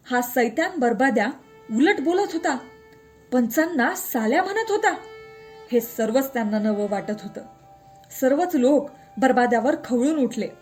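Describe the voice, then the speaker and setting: Brief: a woman with a high voice reading a short story aloud, steady and clear, soft music underneath. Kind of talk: scripted story narration.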